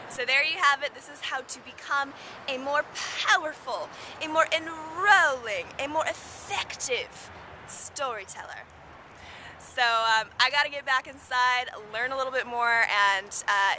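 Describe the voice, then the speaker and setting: Woman vlogger, upbeat and emphatic, high bright voice, outdoors. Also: slight background noise. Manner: upbeat, emphatic, repeats key words. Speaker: vlogger giving storytelling tips. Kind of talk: casual instructional vlog.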